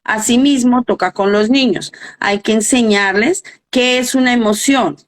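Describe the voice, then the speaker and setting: A woman's voice: on the high side, a little slow. Earnest middle-aged woman explaining parenting. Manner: earnest, explanatory, asks rhetorical questions. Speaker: guest coach and educator. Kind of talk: live interview talk.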